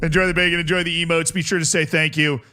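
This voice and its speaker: A man hosting a casual gaming livestream, chatting playfully with viewers and giving exclamatory, jokey shout-outs. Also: a little high, flat delivery, fast. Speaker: live streamer host.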